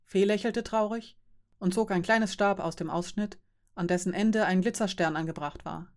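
A woman narrating a story in a plain, even reading voice. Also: medium pitch, normal speed. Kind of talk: audiobook reading.

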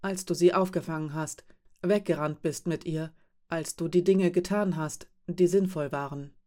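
A woman reading an audiobook, voicing a companion who speaks softly and reassuringly. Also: on the low side, fairly even intonation, moderate pace, close to an everyday voice. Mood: consoling. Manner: soft, gentle, reassuring. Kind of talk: audiobook character voice.

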